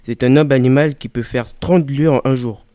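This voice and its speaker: A man's voice: medium pitch, steady tone, a little fast, mellow, no echo, natural voice. A man voicing a proud, brooding Spanish bandit who speaks brusquely in an audio drama reading. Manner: proud, brusque, sometimes gloomy.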